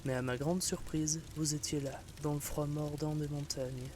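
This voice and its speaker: Guy doing a friendly lizard adventurer, soft hissy snake-like voice, calm n even, slightly high, rain noise behind. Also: close to an everyday voice. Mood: calm, reassuring. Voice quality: soft hissing, sibilant voice. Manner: calm, courteous, unhurried storyteller. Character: calm friendly hooded reptilian adventurer, gently mocking. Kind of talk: fantasy audio story character acting.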